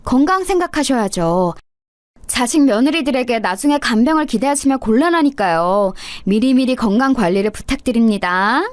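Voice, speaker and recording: A sneering young daughter-in-law, as a woman reads her in a radio story, coldly polite and mocking. Her high voice swoops up and down with taunting lilts. The sound is dry and close. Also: expressive, moderate pace, dry recording, natural voice. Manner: sarcastic, needling, smugly polite.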